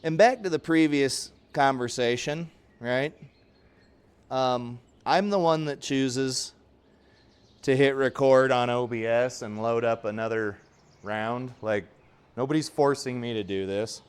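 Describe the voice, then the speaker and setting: A man's voice: mid-range voice, a little slow, smooth. A man in his forties giving casual, rambling, self-deprecating commentary while playing in a home golf simulator. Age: 40s. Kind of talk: casual play-along commentary.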